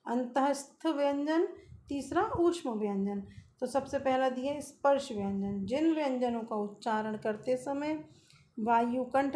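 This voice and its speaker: A woman teaching a school lesson to children, explaining slowly and repeating each point. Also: high-pitched, darkish tone, a little hiss or hum.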